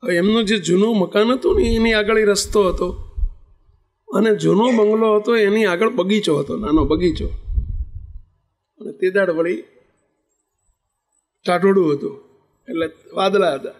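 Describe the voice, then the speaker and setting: A man's voice: high voice, a little slow, long pauses. A man with a Gujarati accent, a spiritual teacher telling a devotional parable and acting out the characters' dialogue. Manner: lively storyteller acting out each character in dialogue. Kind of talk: devotional storytelling discourse.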